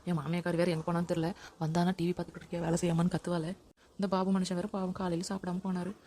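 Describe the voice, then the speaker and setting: A woman's voice: on the low side, level tone, racing, dark tone, a little hiss or hum, natural voice. A woman playing a lazy, scheming young wife who fakes tears in a comedy sketch. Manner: whiny, theatrical.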